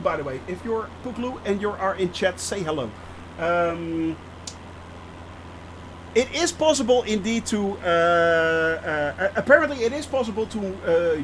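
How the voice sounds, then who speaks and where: On a rough recording with a bit of hiss or hum, a high-voiced man runs a flight simulator channel's live stream. He talks loosely to his chat, welcoming people by name and stumbling, pausing, and restarting while he works through explanations.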